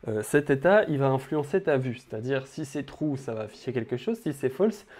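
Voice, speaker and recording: Casual young French-speaking coding tutor. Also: male voice, medium pitch, animated, a little fast, a little mellow. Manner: casual, addresses viewer directly, frequent fillers. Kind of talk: screen-recorded coding tutorial.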